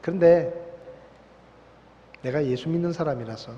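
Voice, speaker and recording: Animated high-voiced Gyeongsang pastor. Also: male voice, moderate pace, highs cut off, slight background noise. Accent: Gyeongsang Korean. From Gyeongsang province, South Korea. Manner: animated storytelling, acting out voices. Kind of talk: sermon. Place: church sanctuary. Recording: long church hall reverb.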